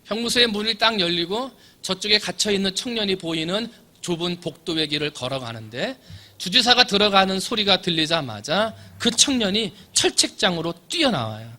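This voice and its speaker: A man who preaches a sermon in a church, telling stories dramatically and swinging from loud to soft. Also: high voice, sing-song, moderate pace. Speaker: pastor. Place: church sanctuary.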